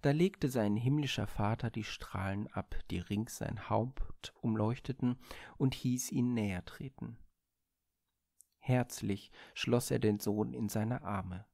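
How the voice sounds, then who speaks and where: A man reading a Greek myth aloud in a measured, expressive storybook manner on a studio microphone. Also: on the low side, vocal fry, no room sound.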